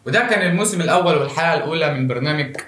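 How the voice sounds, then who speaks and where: Egyptian guy doing a rapid-fire comedy monologue into his phone, echoey room. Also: fairly high pitch, expressive, a bit bright. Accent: Egyptian Arabic. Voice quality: jokey, self-mocking asides. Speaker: comedy show host. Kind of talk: comic monologue to camera. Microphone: phone camera. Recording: roomy echo.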